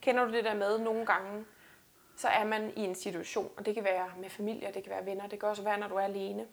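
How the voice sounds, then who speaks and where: In a casual interview, a female weightlifter speaks earnestly and reflectively, frequently restarting her sentences. Her mid-range voice is creaky and holds a level tone.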